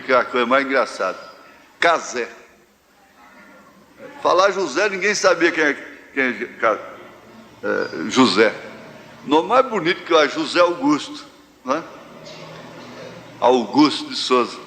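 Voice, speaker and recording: A Brazilian pastor preaching a live sermon, telling homespun stories with slow, drawn-out phrases. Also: male voice, medium pitch, animated, pushed and bright, a little hiss or hum. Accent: Brazilian Portuguese, central-west. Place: large church hall. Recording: live church hall reverb, faint ambience.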